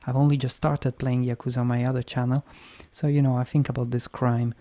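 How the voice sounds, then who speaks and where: A man's voice: mid-range voice, level tone, brisk, dark tone. A man giving casual game playthrough commentary, arguing his points and repeating them for emphasis. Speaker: video game streamer.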